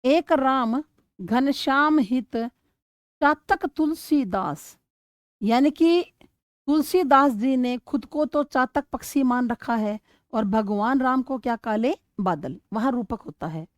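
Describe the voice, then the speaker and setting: A high-voiced woman teaches an exam-prep grammar lesson at an unhurried, expressive pace, recorded close and dry. She keeps posing questions and answering them herself, and she sounds out words slowly to show where the stress falls.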